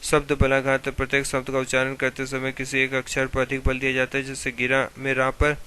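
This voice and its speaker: A man teaching Hindi grammar, reading steadily from textbook notes in an even tone. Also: mid-range voice, fairly quick, slight background noise.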